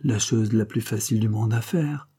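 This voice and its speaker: A man with a lowish, mellow, husky voice reads an audiobook at normal speed. He voices a scornful, domineering creole woman who speaks in a cold, mocking, commanding tone.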